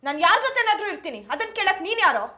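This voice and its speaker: A woman's voice: extremely high pitch, very animated, very fast, exaggerated voice. A woman playing a frightened, defiant young wife. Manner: pleading, defiant. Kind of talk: short film acting. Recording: loud film score behind voice.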